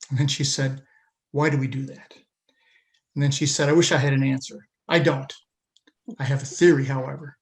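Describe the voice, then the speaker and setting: Earnest man hosting a podcast. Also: fairly high pitch. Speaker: podcast host. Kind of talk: scripted intro then interview.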